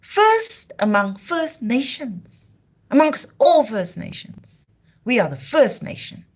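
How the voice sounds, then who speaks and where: This Namibian woman, whose first language is Afrikaans, hosts a livestream and delivers an impassioned heritage talk in a passionate, declamatory style. Her voice is a little high and sing-song, and she speaks at a slow pace.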